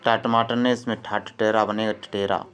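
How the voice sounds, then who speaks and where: A man's voice: on the low side, little pitch movement, moderate pace, a bit bright, clear, resonant tone. A male teacher giving an exam-prep spelling lesson, repeating each word and quizzing his students. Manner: drills words by repeating them and quizzing students.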